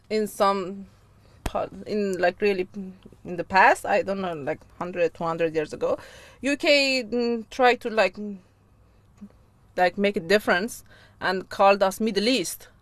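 Giggly Iranian woman speaking halting English. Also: medium pitch, no room sound. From Iran. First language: Persian. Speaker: guest. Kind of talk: casual chat.

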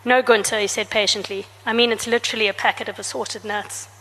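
A South African woman author reads from her comic novel at a book talk, shifting her pitch and loudness to give each character a distinct voice. She talks fast with fairly even intonation, and the reverberant hall recording carries a little hiss or hum.

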